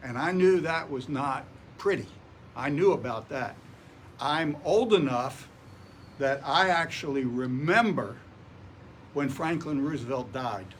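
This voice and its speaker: Older man giving a relaxed talk. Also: medium pitch, unhurried, slight background noise. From Portsmouth, Virginia. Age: 80s. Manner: relaxed, conversational, wry. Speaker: guest speaker. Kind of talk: public talk with personal stories. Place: library meeting room.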